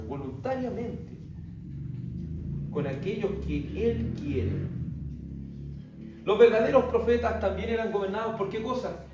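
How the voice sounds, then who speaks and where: A man's voice: sits high, darkish tone. A man teaching a theology class who keeps asking rhetorical questions and answering them himself. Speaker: Bible teacher. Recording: very echoey room, distant mic.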